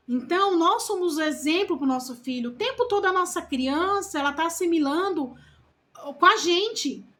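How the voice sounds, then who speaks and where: High-voiced Brazilian mom vlogger. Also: female voice. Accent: Brazilian Portuguese. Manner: slow, earnest, full of diminutives and rhetorical questions; calls herself loud-spoken. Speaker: parenting vlogger, first-time mother. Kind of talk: casual talk to camera.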